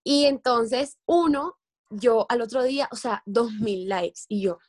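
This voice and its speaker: A woman's voice: on the high side, unhurried. Chatty young woman. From Colombian Caribbean coast. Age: young adult. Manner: chatty, quotes people in lively voices. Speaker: guest, content creator. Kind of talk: casual interview chat.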